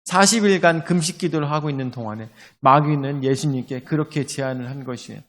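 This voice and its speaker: A man's voice: fairly high pitch, quick pace, fairly bright tone, long reverb tail. A male pastor preaching a sermon, telling the story vividly and acting out the voices of a crowd.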